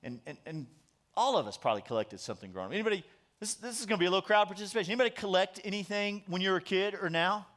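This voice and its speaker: A man's voice: sits high, animated, rapid-fire, a bit bright. A man preaching a sermon as pastor, conversational and joking, drawing in his audience.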